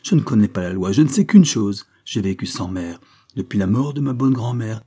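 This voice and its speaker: A man reading aloud and voicing a distressed, impetuous young girl, with raised pitch and pleading, vehement delivery. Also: expressive, a little fast, mellow, husky. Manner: pleading, rising to vehement outbursts.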